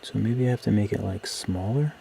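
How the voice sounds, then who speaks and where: A man's voice: fairly low pitch, a little fast, warm tone. A man casually talking through his work on a live stream, muttering to himself in trailing fragments close to the mic. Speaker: live streamer, digital artist. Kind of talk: casual live-stream commentary while working. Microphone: close microphone. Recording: clear background noise.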